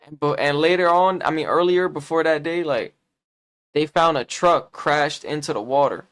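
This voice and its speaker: Young guy, slightly high voice, cursing and laughing through casual commentary. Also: moderate pace, a bit bright, clear, resonant tone. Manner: slangy, profane, laughing retelling. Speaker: reaction streamer.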